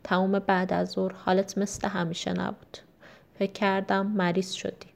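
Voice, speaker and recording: A woman reading a calm, loving mother. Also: medium pitch, gravelly, lightly acted. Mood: reassuring. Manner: calm and reassuring. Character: warm, understanding mother.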